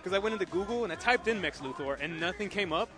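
Joking young man with a high voice. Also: expressive, quick pace, music in the background. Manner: joking, easygoing. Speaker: co-host. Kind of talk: casual chat.

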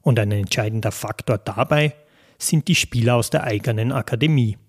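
A man, the podcast host, reading scripted narration in a clear, measured way. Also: medium pitch.

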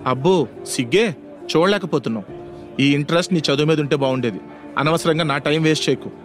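A man voicing a proud, sharp-tongued young college woman in an audio story, scolding and scornful. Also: a little high, fairly even intonation, fast, soft background music, lightly acted. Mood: mocking.

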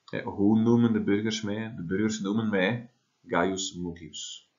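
A man's voice: fairly low pitch, steady tone, unhurried, a little mellow, dull audio. A man, teaching a Latin translation lesson and explaining step by step with frequent tag questions. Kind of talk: classroom lesson.

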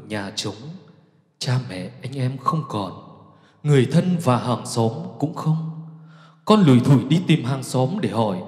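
A man voicing a grieving attendant disciple who speaks in a hushed, sorrowful way, in a recited storybook poem with a long echoing reverb. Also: mid-range voice, lightly acted. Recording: echoey long hall reverb.

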